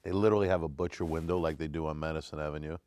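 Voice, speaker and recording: A man's voice: a bass voice, steady tone, rapid-fire, a little mellow, no room sound. A man in his forties, a restaurateur guest on a studio panel, speaking frankly and explaining with examples. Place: dark TV studio set. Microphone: lapel.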